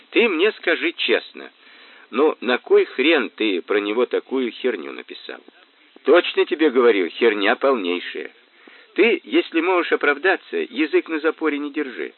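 A man voicing a steady, level-headed man who talks firmly and persuasively; tinny, dry recording. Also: medium pitch, no echo. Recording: tinny phone-like band, dry.

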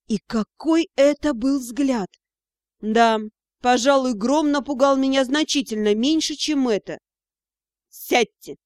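A woman reading a first-person story aloud, lively and expressive. Her voice is bright and high. The recording is close and dry, with no room echo. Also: measured pace. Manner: expressive storytelling with acted dialogue. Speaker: audiobook narrator. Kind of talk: scripted first-person narration.

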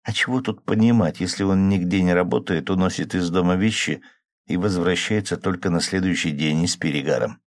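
A man calmly narrating a novel in the first person as an audiobook. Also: deep voice, fairly quick, no echo, studio quality.

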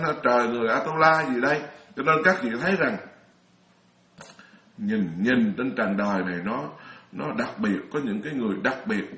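A man's voice: mid-range voice, pushed and bright, reverberant. A middle-aged man from Vietnam, a Buddhist monk giving a chatty dharma talk, telling stories with frequent laughs and restarts. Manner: chatty storyteller, laughs often, many restarts.

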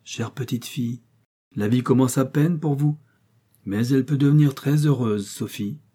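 A man voicing a serious, reproachful old uncle who speaks gravely. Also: mid-range voice, moderate pace, mellow, close to an everyday voice. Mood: tender. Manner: grave and admonishing.

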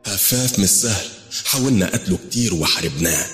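A man's voice: sits low, expressive, fast, fairly bright tone, roomy sound, long reverb tail, faint music behind. A man with an Egyptian accent voicing a scheming female jinn queen who warns of a rival. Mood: urgent. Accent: Egyptian Arabic.

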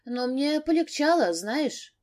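A woman narrator voicing a young wife who speaks softly and pleadingly, close to tears. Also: high-pitched, expressive, slow, voice pushed up. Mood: weary. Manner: soft, pleading. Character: young wife, tearful, tender and afraid.

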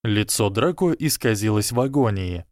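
A man narrating a story aloud in a lively, expressive way. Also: lowish voice, normal speed, no echo, clean studio sound. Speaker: audiobook reader.

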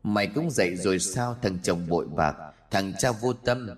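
Hushed menacing female ghost, vengeful dead wife, horror audiobook, low voice, a man reading her. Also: moderate pace, lightly acted. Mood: accusing.

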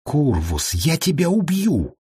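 A hot-tempered young man who whines and bursts out in protest, voiced by a man in an audiobook. His voice is husky with wide pitch swings, recorded dry. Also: big pitch swings, moderate pace, dry recording. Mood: indignant. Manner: whining, indignant.

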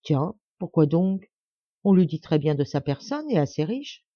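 A woman's voice: low-pitched, sing-song, unhurried, no echo, lo-fi sound, exaggerated voice. A woman voicing a haughty, spiteful young noblewoman who mocks with false sweetness, read in an audiobook. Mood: mocking.

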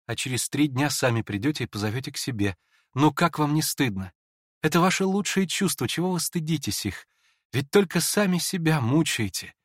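A man voicing a meek, guileless young prince who speaks in a gentle, earnest, mildly pleading way in a dramatized audiobook. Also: fairly high pitch, animated, brisk, no room sound, clean studio sound. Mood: gently reproachful.

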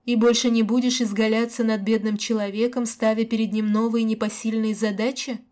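A woman's voice: fairly high pitch, little pitch movement, brisk, darkish tone, close to an everyday voice. Woman voicing a curt, dry-toned man. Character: reserved adult man, dry terse lover.

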